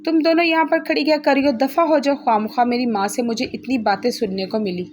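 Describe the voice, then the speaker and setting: A woman's voice: a little high, fairly quick, a little hiss or hum, close to an everyday voice. A woman voicing a spoiled, bossy rich young woman who scolds sharply. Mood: angry.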